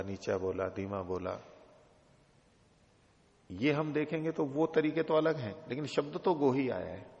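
Gravelly-voiced male teacher lecturing. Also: medium pitch. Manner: patient, explains with repeated examples. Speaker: teacher of philosophy texts. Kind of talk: classroom lecture with questions. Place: teaching hall at an ashram. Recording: dull reverberant hall recording.

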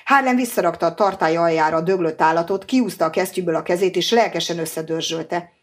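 A woman narrating an audiobook in a steady, even reading voice. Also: on the low side. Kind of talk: scripted narration.

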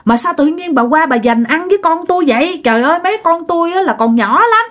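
A woman's voice: very high voice, lively intonation, quick pace, fairly bright tone, voice pushed up. A woman voicing a poor young mother, scolding with indignant questions.

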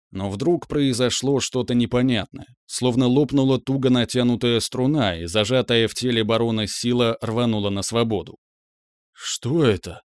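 Guy reading an audiobook, mid pitch, dry close sound. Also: no echo. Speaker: audiobook narrator. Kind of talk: dramatic audiobook narration.

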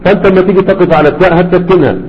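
Man teaching in an echoing hall. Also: high voice. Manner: conversational, repeats words slowly to model pronunciation. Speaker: grammar teacher. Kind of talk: classroom lesson with questions. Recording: dull lo-fi audio with long hall reverb.

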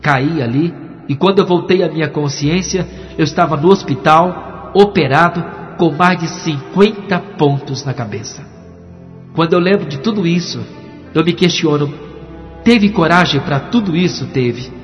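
A man's voice: on the high side, normal speed, soft background music. A pastor giving a dramatic testimony sermon, acting out the voices in his story. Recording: dull recording with long hall reverb.

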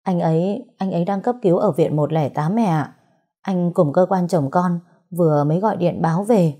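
Một phụ nữ đóng vai cô vợ trẻ hoảng hốt, nói nghẹn ngào, van nài. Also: female voice, on the low side, normal speed, mellow, natural voice. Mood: panicked. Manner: pleading, breathless. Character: panicked young wife, tearful and pleading.

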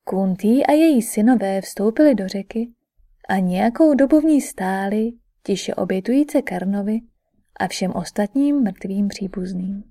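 Mellow-voiced woman narrating an audiobook. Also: medium pitch, lively intonation.

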